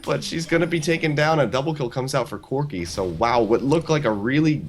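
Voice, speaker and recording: A man calling a video game match as a play-by-play commentator, talking rapidly like an auctioneer. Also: medium pitch, animated, slight background noise. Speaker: esports commentator.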